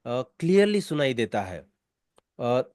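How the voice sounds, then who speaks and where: A man's voice: medium pitch, very animated, takes it slowly, darkish tone, no room sound, clean studio sound. An Indian man teaching spoken English, explaining in a mix of Hindi and English and repeating his key points.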